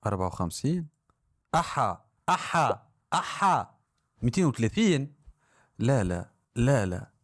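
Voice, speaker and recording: A man comments live on a rap song as a streamer. He talks in excitable, repetitive bursts and throws in mock-exasperated exclamations. His voice sits at an ordinary middle pitch. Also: moderate pace, pauses often.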